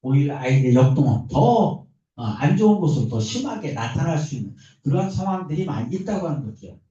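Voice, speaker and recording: A man giving a lecture on parenting, lively and animated, acting out the parents' and children's lines as he explains. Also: fairly high pitch, brisk. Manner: lively, acts out parents' and kids' quoted lines. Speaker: lecturer on adolescent counseling. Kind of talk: recorded lecture. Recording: distant, echoey, muffled room recording.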